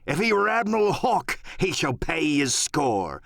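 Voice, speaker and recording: Swaggering, drawling pirate Long John Silver. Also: male voice, fairly high pitch, big pitch swings, unhurried, creaky, fairly bright tone, no echo, clean studio sound, voice pushed up, heavily acted. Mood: indignant, commanding. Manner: old sailor slang, drawling, blustering. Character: cheerful, cunning one-legged pirate landlord, big, commanding.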